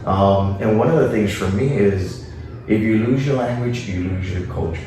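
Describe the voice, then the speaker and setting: A man from Miami, Florida, a city official and former teacher, answers interview questions informally as a guest, dropping in Spanish phrases. His voice sits on the low side with a dark tone and a moderate pace. The room is echoey, the mic distant, with faint noise.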